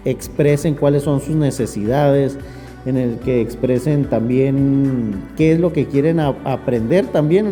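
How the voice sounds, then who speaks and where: A man in his forties, a teacher speaking in a halting way with many filler words. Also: medium pitch, dark tone, in a large hall. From Mexico. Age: 40s. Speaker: primary school teacher. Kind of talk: interview testimony.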